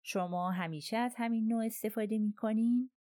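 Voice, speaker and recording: A woman's voice: fairly high pitch, warm tone, no room sound, clean studio sound, voice pushed up, natural voice. A woman reading the part of a polite, thoughtful middle-aged male detective in an audiobook, speaking courteously and musingly. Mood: polite questioning.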